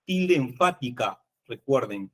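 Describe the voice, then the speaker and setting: A man's voice: mid-range voice, lively intonation, slow. A man teaching an online workshop for teachers, explaining patiently and often checking that the class agrees. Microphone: video call.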